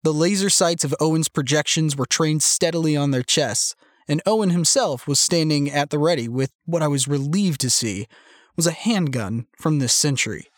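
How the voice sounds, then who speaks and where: A man reading a first-person novel aloud in a measured, even storytelling manner. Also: fairly high pitch, dry recording, clean studio sound. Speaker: audiobook narrator. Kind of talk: scripted first-person narration.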